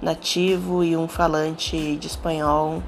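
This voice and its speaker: A woman's voice: sits low, flat delivery, slow pace, slight background noise. A Brazilian woman with a Brazilian Portuguese accent, patiently teaching a Spanish lesson and often checking in with "tá?" and "né?". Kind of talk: explanatory language lesson.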